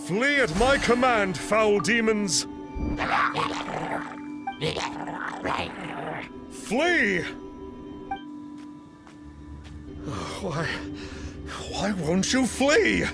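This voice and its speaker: A man's voice: high-pitched, big pitch swings, slow pace, full character voice. A man playing a theatrical, self-important young exorcist in a video game, with pompous, dramatic delivery. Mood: commanding, frantic. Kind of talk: video game character acting. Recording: music behind the voice.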